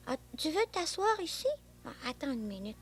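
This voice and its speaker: A woman's voice: high voice, very animated, moderate pace, slight background noise. A woman playing a playful young boy with an imaginary friend, chatty and bossy, with a Québécois accent. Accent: Québécois French. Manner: bossy, chatty, engine noises. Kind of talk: children's TV acting.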